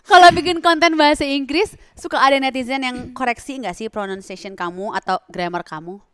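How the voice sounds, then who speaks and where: A woman hosting a casual podcast interview, talking in an animated, exclamatory way. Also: sits high, brisk, clean tone, dry recording, clean studio sound. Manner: animated, exclamatory, acts out quotes. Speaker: podcast host. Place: podcast studio.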